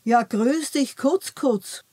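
Woman doing a sweet old lady shopkeeper, friendly, slowish. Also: high-pitched, husky, voice pushed up, full character voice. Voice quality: warm, kindly.

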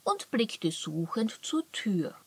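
A woman calmly reading a children's story aloud. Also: fairly high pitch, slow pace, husky, dry recording. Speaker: narrator.

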